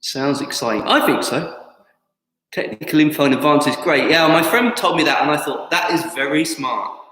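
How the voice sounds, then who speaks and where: A tai chi instructor in his fifties chats casually with online students from an indoor martial arts studio with a wooden floor. His voice is fairly high and fairly bright, animated but at a moderate pace. The hall echoes, and faint music plays in the background.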